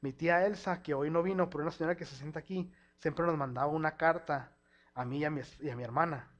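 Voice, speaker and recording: A man from El Paso, Texas, preaching a sermon in a church hall. He talks in an animated way, acting out quoted speech and slipping in English words. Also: on the high side, fast talker. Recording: dull lo-fi sound.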